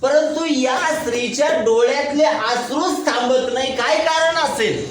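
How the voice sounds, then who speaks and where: A man with a high voice preaches at a slow, deliberate pace, putting questions to the congregation and answering them himself. He recorded in an echoey room with clear background noise. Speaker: pastor. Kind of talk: Bible study sermon with call-and-response questions.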